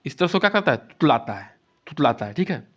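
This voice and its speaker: Man teaching exam prep, slightly high voice. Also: very animated, brisk, fairly bright tone. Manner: repetitive, checks in with "theek hai". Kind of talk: explanatory lecture. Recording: dull lo-fi sound.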